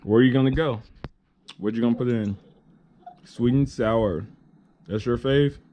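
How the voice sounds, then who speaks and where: Playful teasing dad on a vlog. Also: male voice, medium pitch, fast talker, mellow. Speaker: dad running a family food challenge. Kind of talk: casual family vlog.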